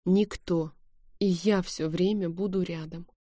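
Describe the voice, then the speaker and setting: A woman voicing a devoted, protective young man, soothing and hushed, in a dry, close audiobook reading. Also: on the low side, steady tone, measured pace, no room sound. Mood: tender.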